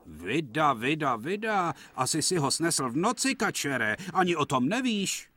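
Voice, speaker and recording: A man's voice: a little high, big pitch swings, pushed and bright, dry recording, pitched above the performer's own voice, heavily acted. A man voicing a big male steam engine who is sleepy and teases the others in a dubbed children's series. He sounds grumbly and mocking. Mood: teasing. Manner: teasing and grumbly. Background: music.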